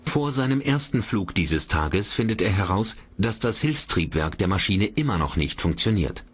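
A man narrating a documentary in a measured, dramatic way. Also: on the low side, big pitch swings, slightly rough.

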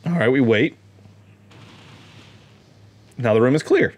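A man's voice: medium pitch, takes it slowly, a little mellow. A young man casually commenting on his gameplay, playful and given to mock-dramatic exclamations. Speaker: let's play gamer.

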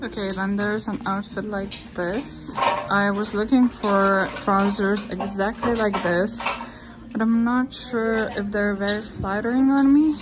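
A young woman talks through a try-on haul in a relaxed, unhurried, chatty way, gushing about the pieces she likes. She is filmed on a phone held at arm's length in a fitting room. Clear music plays under her voice. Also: medium pitch. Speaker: fashion vlogger. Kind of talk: casual try-on haul narration.

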